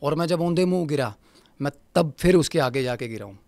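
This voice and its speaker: A man's voice: on the high side, expressive, normal speed, darkish tone, no room sound. Man vividly retelling a ghost encounter. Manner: vivid storyteller who repeats phrases for emphasis; mixes English words into his speech. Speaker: guest paranormal researcher. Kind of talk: recounting a ghost encounter in a podcast interview.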